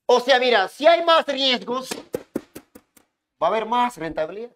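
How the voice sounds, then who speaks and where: A man lecturing a classroom as economics teacher, hushing students and repeating himself to make points stick. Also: very high-pitched, sing-song, moderate pace, a little hiss or hum. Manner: keeps hushing and calling on students, repetitive.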